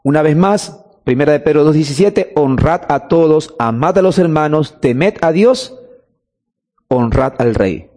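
A man's voice: a little high, expressive, a little slow, darkish tone, long reverb tail. A man preaching a sermon, emphatic, drawing out key words and asking rhetorical questions.

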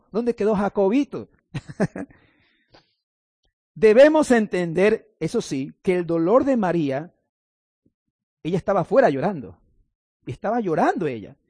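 Male pastor, fairly high voice, dry close sound; sermon mixing scripture reading with light humorous asides. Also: warm tone, no room sound. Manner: reads scripture then explains it, with playful asides to the congregation.

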